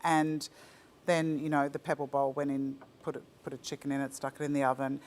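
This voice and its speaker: Aussie business owner lady, chatty and excited, talks in loose restarts. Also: a bass voice, a little fast, a little hiss or hum. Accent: Australian. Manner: enthusiastic, chatty, with frequent restarts. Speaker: ceramics company founder. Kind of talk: casual interview chat. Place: virtual talk, faint room ambience.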